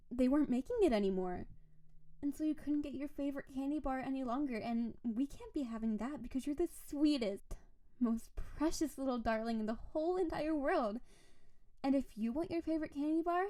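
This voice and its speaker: With a somewhat high voice and a dark tone, a woman lightly acts the part of a doting, obsessive, possessive snow-woman spirit wife in an intimate romantic roleplay audio drama. She gushes and coos over the listener with dramatic emphasis, sounding excited and effusive.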